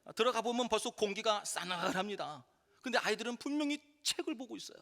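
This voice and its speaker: A middle-aged man, a pastor, preaching a sermon in an animated way and acting out the voices he quotes. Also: high-pitched, quick pace, creaky. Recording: reverberant church sanctuary.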